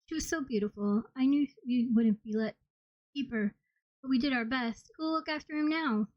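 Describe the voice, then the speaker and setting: A woman's voice: high-pitched, normal speed, muffled recording, voice pushed up. A woman voicing the mournful ghost of a poor man in an audiobook, pleading and grieving.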